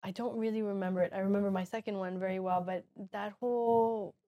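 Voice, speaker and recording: A woman's voice: medium pitch, fairly even intonation, quick pace, lo-fi sound. A woman in casual chat, engaged and relating her own similar experience.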